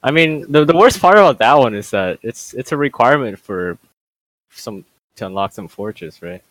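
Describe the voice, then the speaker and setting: Playful man with a lively, bouncing voice. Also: mid-range voice, moderate pace, no room sound, rough recording. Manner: playful, giggly, teasing. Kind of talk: casual gaming chat.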